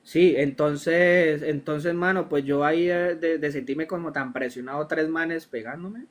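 With a voice on the high side and an unhurried pace, a young Colombian man with a Colombian accent shares his story as an interview guest. He tells it in an animated, slangy way, performing the dialogue as he goes.

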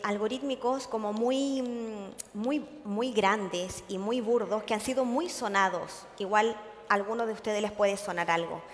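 A woman giving a conference talk to an audience, earnest and full of hesitations, often checking in with her listeners. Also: fairly high pitch. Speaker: conference speaker. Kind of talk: public lecture to an audience. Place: large conference hall. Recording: long hall reverb.

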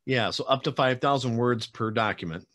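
Medium in pitch and fairly bright, the voice belongs to a man in his forties who keeps a moderate pace. As a podcast host, he conducts a relaxed interview on a webcam video call from a room at home, chatty and meandering, full of fillers, with some teasing.

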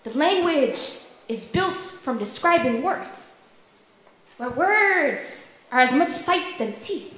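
A young woman performing a spoken word poem at a stand microphone in a wood-paneled hall, rhythmic and emphatic, with deliberate stammered repetitions. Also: sits high, animated, fairly bright tone.

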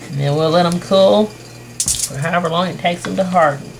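A woman's voice: lowish voice, moderate pace, vocal fry. Folksy woman cooking at home. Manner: folksy, homey, step-by-step. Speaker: cooking show host. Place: home kitchen with wooden walls. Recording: noisy home camcorder audio.

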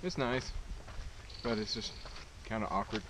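A young thru-hiker vlogs on a mountain trail, talking casually into an action camera held at arm's length. His fairly low voice keeps a measured pace, and he's easygoing and self-deprecating, laughing at himself and getting winded on climbs. The outdoor camera mic picks up background noise.

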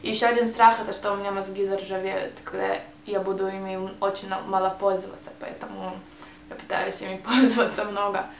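Answering questions in a casual tag video, a Hebrew-accented young adult vlogger hesitates and restarts words while searching for Russian. Her mid-range voice is flat, a little fast, with vocal fry, picked up by a camera mic as she sits facing it in a small, bright room indoors. The audio is reverberant with a little hiss or hum.

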